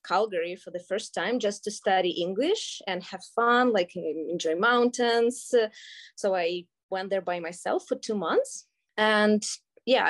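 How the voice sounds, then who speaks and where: A woman in her thirties from Russia with a Russian accent, talking as an interview guest, hesitant with many fillers and frequent laughs. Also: mid-range voice. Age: 30s. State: pregnant. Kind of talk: casual interview.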